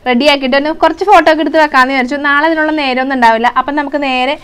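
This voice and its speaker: A woman's voice: high-pitched, fairly even intonation, rapid-fire, fairly bright tone. Chatty young mother vlogging at home. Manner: chatty, coaxing, switches between talking to viewers and her child. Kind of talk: casual home vlog with her toddler. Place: home indoors.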